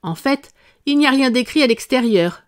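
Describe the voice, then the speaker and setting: Woman voices nervous male rabbit herald, high, respectful, hurried, storybook. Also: expressive, clear, resonant tone. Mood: officious.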